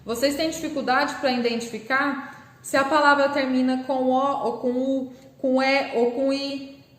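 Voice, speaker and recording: A Brazilian primary school teacher with a high-sitting voice gives a remote class lesson to young children, patiently and slowly sounding out each word syllable by syllable. Her pitch moves little, she has a Brazilian Portuguese accent, and the recording has a noticeable room echo.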